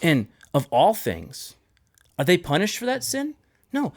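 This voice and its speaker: Unhurried and with vocal fry, this man's high voice swoops wildly in pitch as he hosts a casual podcast conversation. He shares a personal story earnestly and from the heart, frequently starting sentences over. The audio is studio quality, with no room sound.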